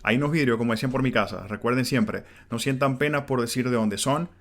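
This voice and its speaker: A man's voice: mid-range voice, fairly quick, a bit bright. A man in his thirties from Venezuela with a Venezuelan Spanish accent, hosting a solo podcast in an earnest, conversational way. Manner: earnest, conversational, with fillers like "este" and "pues". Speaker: podcast host. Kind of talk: reflective solo podcast monologue.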